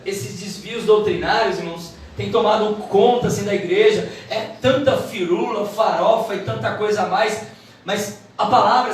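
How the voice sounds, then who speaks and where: A woman giving a church Bible lesson, quick and emphatic in her delivery. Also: medium pitch. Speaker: Bible teacher. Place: church hall. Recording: echoey hall, mic from far off.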